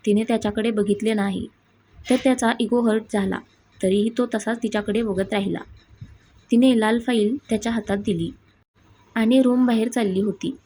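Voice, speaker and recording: A woman narrating a family drama story in a plain, steady storytelling manner, with a husky voice. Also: fairly high pitch, moderate pace, rough recording. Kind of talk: scripted narration.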